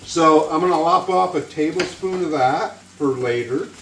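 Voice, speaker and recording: A man's voice: on the high side, normal speed, gravelly, a bit bright. Male home-cook host, folksy, jokey and profane; roomy sound, mic at a distance. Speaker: cooking show host. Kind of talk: casual cooking demonstration. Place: indoor kitchen. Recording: roomy, distant mic, faint kitchen noise.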